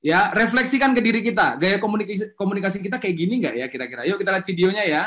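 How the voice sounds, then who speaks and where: A man running an online webinar as a communication trainer, lively and coaxing the audience to answer, speaking through a video-call mic. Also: high voice, racing. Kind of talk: energetic online webinar presentation.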